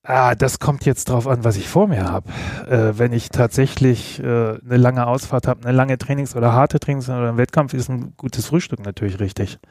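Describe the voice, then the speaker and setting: A man's voice: medium pitch, moderate pace, few pauses, darkish tone, dry recording, clean studio sound. Man from Bremen answering at length. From Bremen, Germany. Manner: thoughtful, hedging answers. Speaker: guest, nutrition expert. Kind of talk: podcast interview.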